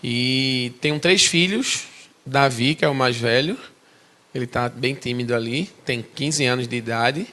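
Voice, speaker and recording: A man in his forties from Recife, Brazil, with a Pernambuco Brazilian Portuguese accent, gives a missionary testimony in church. His mid-range voice is bright and forceful and runs a little slow. He speaks straight to the congregation in a conversational way, dropping in chatty asides.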